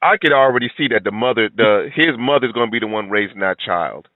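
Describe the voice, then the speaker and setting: A man's voice: fairly low pitch, brisk, dry recording. A middle-aged man giving blunt, preachy reaction commentary, lecturing his listeners. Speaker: commentary video host. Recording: tinny, phone-like, dry sound.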